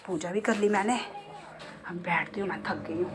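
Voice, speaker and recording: A woman's voice: on the low side, moderate pace. A middle-aged woman with a Jammu accent, a beauty salon owner chatting casually and heartfelt in her vlog. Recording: noisy background.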